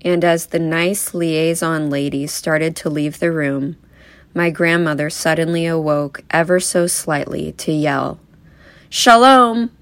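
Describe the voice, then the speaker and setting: A young woman speaks at a memorial, delivering a eulogy full of wry, gently humorous stories. Her voice sits low for a woman. The sound is dry and close, with no room echo. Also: flat delivery, measured pace. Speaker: granddaughter giving a eulogy. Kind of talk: eulogy speech.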